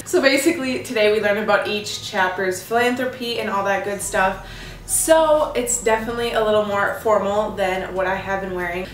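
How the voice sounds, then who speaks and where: A young woman chatting casually to camera as a vlogger, with a bubbly, gushing sorority-girl manner. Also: fairly high pitch. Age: young adult. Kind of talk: casual chat to camera about outfits. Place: small indoor room in a home, standing before a door. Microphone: camera mic a few steps away. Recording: echoey room, slightly distant mic.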